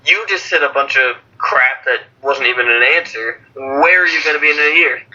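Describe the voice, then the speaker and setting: A man's voice: mid-range voice, normal speed, pushed and bright. A man on a casual online radio call who keeps interrupting with pushy questions. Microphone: video call. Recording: lo-fi call audio.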